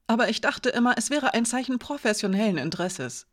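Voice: mid-range voice, lively intonation, brisk, voice pushed up, natural voice. An audiobook reader voicing a nervous male servant who stammers and rambles as he pleads. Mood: rambling. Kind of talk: audiobook character voice.

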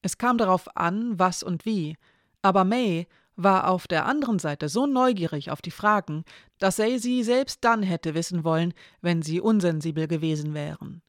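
A calm reader narrating a novel aloud, giving the dialogue only light shading. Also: medium pitch, normal speed, no room sound, clean studio sound. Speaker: audiobook narrator.

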